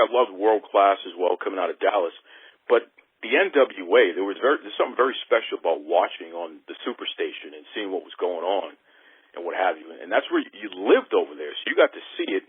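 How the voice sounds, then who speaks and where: A man's voice: low voice, expressive, fairly quick, breathy edge, no room sound, phone-quality sound. A man from Boston interviewing a guest casually. He is enthusiastic and often repeats his words.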